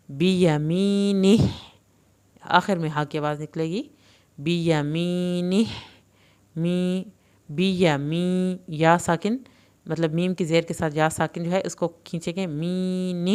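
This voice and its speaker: Female recitation teacher with an Urdu accent, crisp clear voice, explains then recites slowly. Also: fairly low pitch, steady tone, darkish tone. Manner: clear explanations alternating with slow drawn-out recitation. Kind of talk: tajweed lesson, explaining and reciting.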